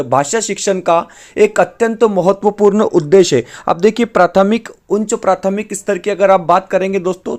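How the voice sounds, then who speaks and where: A man's voice: high-pitched, a little mellow. A man teaching an exam prep lesson, going through questions option by option and often calling his listeners "friends", with English words mixed in.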